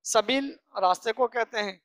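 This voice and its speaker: A religious teacher giving a scripture lesson, slowly reciting each phrase and then explaining it piece by piece, often asking and answering their own questions. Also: mid-range voice, a bit bright, no echo, clean studio sound. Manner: earnest, instructive, asks and answers own questions.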